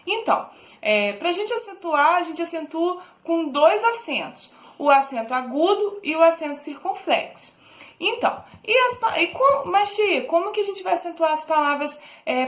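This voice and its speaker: High-voiced Brazilian teacher in an echoey room. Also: female voice, a bit bright. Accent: Brazilian Portuguese. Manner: patient, affectionate, explains step by step with frequent hesitation fillers. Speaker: primary school teacher. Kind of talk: recorded remote lesson for children.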